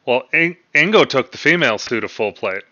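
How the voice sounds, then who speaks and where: A man's voice: medium pitch, expressive, a little fast, sharp tone, no echo, dull audio. A man running a tabletop game as dungeon master over voice chat, patiently laying out rules and describing the scene.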